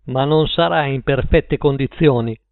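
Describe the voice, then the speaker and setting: A man's voice: medium pitch, measured pace, smooth, no echo, lightly acted. A man reading an audiobook and voicing a bitter, jilted woman who mocks her cheating lover with cutting scorn. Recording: tinny phone-like line.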